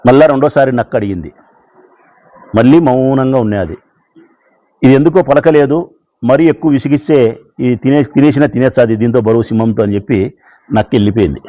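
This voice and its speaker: A man telling a fable slowly and dramatically, with much repetition. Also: medium pitch, dark tone, muffled recording. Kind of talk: storytelling speech.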